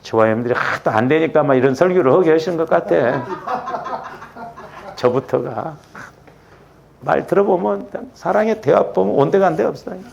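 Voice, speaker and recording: A man preaching a Friday night church sermon, animated, acting out little quarrels as he goes. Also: fairly high pitch, moderate pace, creaky, pauses often, dull audio, slight background noise. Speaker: pastor.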